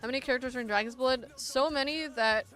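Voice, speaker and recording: A woman's voice: high-pitched, fast, a bit bright, faint music behind. A woman in her twenties, a bit congested, chatting casually and playfully while answering viewer questions on a livestream from a home desk mic. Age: 20s. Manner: chatty, playful, self-mocking. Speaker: artist streaming a Q&A. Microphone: desktop mic.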